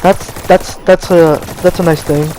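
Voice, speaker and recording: Speaking unhurriedly despite being cold, a young man hosting a gaming channel stutters through a meandering, improvised gameplay rant, repeatedly restarting. His voice sits on the high side, a little mellow, with fairly even intonation and slight hiss or hum.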